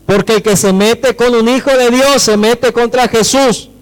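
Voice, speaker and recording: A man's voice: very high-pitched, fairly even intonation, measured pace, clean tone, low-quality recording. A male pastor with a Rioplatense Spanish accent, preaching emphatically and often asking the congregation whether they follow. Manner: emphatic, checks in with listeners through questions; acts out quoted dialogue with shifting voices. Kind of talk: sermon.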